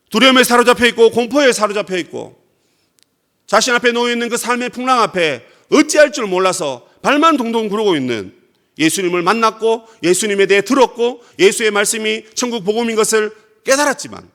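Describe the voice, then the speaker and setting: Male pastor from Korea, expressive preaching, high and animated delivery. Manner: preaching with dramatic acted quotes of Jesus. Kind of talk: sermon.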